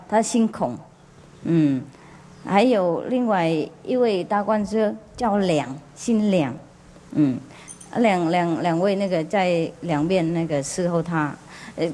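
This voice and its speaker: A woman's voice: lowish voice, warm tone. A spiritual teacher, a woman, tells a parable to a gathering in a chatty, laughing manner with many fillers, often questioning her listeners. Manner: questions the audience directly. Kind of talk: storytelling sermon to a gathering. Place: group meditation gathering.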